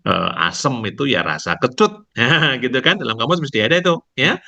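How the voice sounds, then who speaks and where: A man's voice: mid-range voice, big pitch swings, gravelly, sharp tone. Man lecturing over a dull online call. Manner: explains slowly, tags nearly every phrase with "ya". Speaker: university lecturer. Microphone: video call.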